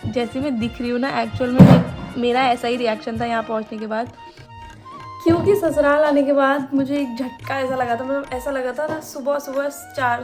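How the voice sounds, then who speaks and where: A young woman from Uttarakhand, India, rambling casually and laughing a little as she narrates her wedding photos in a vlog voice-over. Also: on the high side. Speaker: vlogger. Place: voice-over, not recorded at the pictured wedding. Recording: voice with clear background music.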